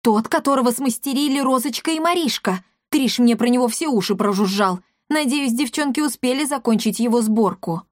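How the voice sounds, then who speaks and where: A woman's voice: fairly high pitch, fairly quick, few pauses, dry recording, clean studio sound, pitched above the performer's own voice, lightly acted. Woman doing a grumpy talking tomcat. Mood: grumbling. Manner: grumbling, mocking. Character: grumpy sarcastic male talking cat.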